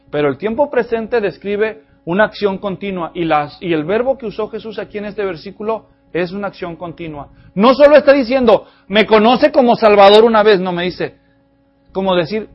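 High-voiced pastor preaching. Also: male voice, muffled recording. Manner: animated, addresses the congregation directly. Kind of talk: expository sermon.

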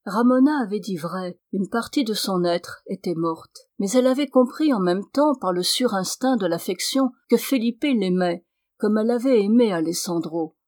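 A woman's voice: mid-range voice, a little mellow, dry recording. Woman reading a novel aloud. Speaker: audiobook reader.

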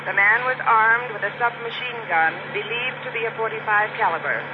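An actor playing a male police radio dispatcher who makes measured, official announcements over a radio. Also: high-pitched, close to an everyday voice. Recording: muffled lo-fi radio with loud hiss.

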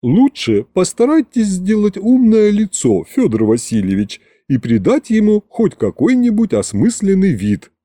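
A man's voice: huge pitch swings, measured pace, few pauses, warm tone, no room sound, exaggerated voice. A man voicing a sly, flirtatious male palace butler who talks in a coy, mocking way. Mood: teasing. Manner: coy, mocking, higher-pitched.

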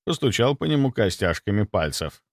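Male audiobook narrator, tense and wry, very expressive pitch, dry close recording. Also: normal speed, dry recording. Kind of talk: first-person audiobook narration.

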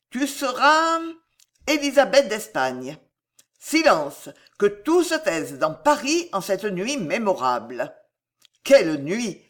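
A woman playing a roaring drunken nobleman. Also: mid-range voice. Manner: roaring, swearing, bragging. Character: drunken boisterous nobleman, loud and bawdy.

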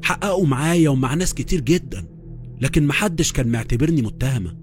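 A man's voice: on the high side, animated, fast talker, darkish tone. A man with an Egyptian accent narrating a first-person horror story in a tense, dramatic way. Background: faint music.

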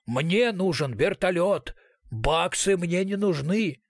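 A man voicing an enraged masked male bandit who shouts and snarls threats. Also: sits high, animated, slow pace, no echo, clean studio sound, voice pushed up, heavily acted. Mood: furious.

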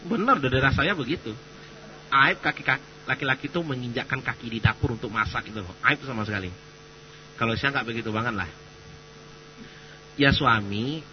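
Male preacher, casual joking lecture, dull hum-laden recording. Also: medium pitch. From Sumatra. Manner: chatty, joking, animated. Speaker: Islamic preacher.

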